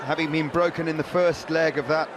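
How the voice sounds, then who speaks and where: A man commentating live on darts, giving measured analysis in short, broken phrases. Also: a little high, steady tone. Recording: noisy venue with clear crowd behind. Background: darts crowd noise.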